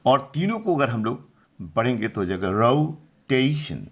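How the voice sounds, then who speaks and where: A man's voice: medium pitch, big pitch swings, a bit bright. A middle-aged man teaching pronunciation, patiently repeating each word and checking that listeners follow. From India. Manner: slow, patient, repeats words and asks if clear. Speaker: English teacher. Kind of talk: Hindi-language pronunciation lesson.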